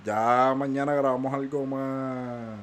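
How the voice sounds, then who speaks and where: A man co-hosts a podcast at an ordinary middle pitch. He rambles, swears freely, and laughs between lines. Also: flat delivery, slow pace. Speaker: podcast co-host. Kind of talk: casual banter.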